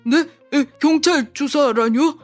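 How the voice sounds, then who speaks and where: A very high-pitched, petty young male scammer, played by a man in an audio drama, a hotheaded bully who turns into a stammering coward. Faint music runs underneath. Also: takes it slowly. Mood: groveling. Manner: stammering, swings from taunting to groveling.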